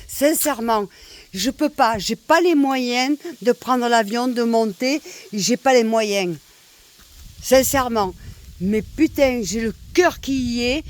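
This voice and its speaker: A middle-aged woman from Nîmes speaks with a strong southern French accent. She rants in a heated, repetitive way, swearing and breaking into loud outbursts. The sound is dry, with no room echo. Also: on the high side. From Nîmes, southern France. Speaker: expatriate venting online. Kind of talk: angry political rant.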